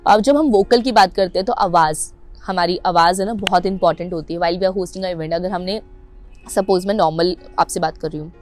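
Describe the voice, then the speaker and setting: A young adult Indian woman coaches anchoring and public speaking to camera, blending English into Hindi with an Indian English accent and emphatic stress on her words. Her voice is lowish and a little mellow at a normal pace. Faint music plays behind her.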